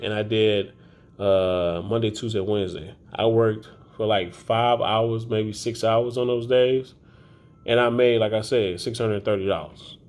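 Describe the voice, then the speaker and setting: A man's voice: on the low side, darkish tone. A man talking casually to camera in a loose, chatty, rambling way with many fillers, recorded as a phone video. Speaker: grocery delivery shopper vlogger. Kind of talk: casual vlog talk to camera.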